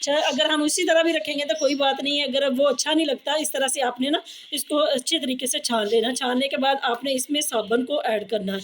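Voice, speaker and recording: A woman's voice: high-pitched, fairly even intonation, a little fast, a little hiss or hum. A woman with a Pakistani Urdu accent giving a casual kitchen how-to demonstration. She has a sore throat and a cough, and she talks in a chatty, repetitive way, often addressing viewers as ji. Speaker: home cooking and tips vlogger.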